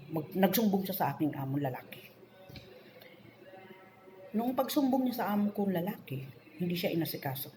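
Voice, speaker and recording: A woman's voice: on the low side, very animated, normal speed, long pauses, mellow, echoey room, faint music behind. A middle-aged woman working as a domestic helper, telling an aggrieved story about a coworker in a venting monologue.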